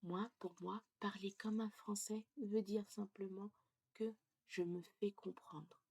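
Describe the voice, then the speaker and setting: French pronunciation teacher lady, slow and careful, gravelly husky voice, keeps asking ok?. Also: mid-range voice, steady tone, darkish tone. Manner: explains step by step, checks in with "ok?"; slow, deliberate delivery. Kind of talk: casual lesson.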